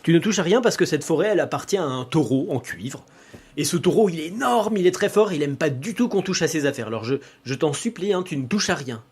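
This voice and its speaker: A man voicing a calm, weary talking cow in a spoken folk tale. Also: fairly high pitch, quick pace, husky. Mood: warning. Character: laid-back smoking talking cow, female.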